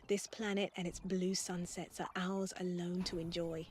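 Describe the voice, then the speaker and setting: A woman's voice: on the low side, little pitch movement, normal speed, darkish tone, slight background noise, natural voice. An actress voicing a hopeful woman scientist who talks earnestly and encouragingly to an AI. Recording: music clearly behind.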